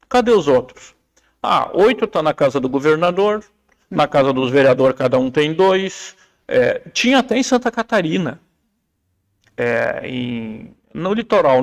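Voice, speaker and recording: Slightly high-voiced man telling stories. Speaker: writer and interview guest. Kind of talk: casual interview chat.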